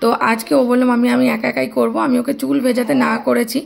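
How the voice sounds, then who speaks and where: Fast-talking young mother vlogging at home. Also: on the high side, flat delivery, gravelly. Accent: Bengali. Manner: chatty, speaks softly at times so the baby stays asleep. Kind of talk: casual vlog narration to viewers.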